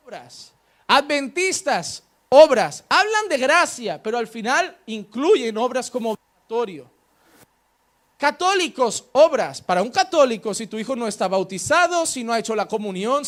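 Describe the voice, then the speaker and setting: Male pastor, high voice, emphatic sermon, repeats words for effect. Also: a bit bright.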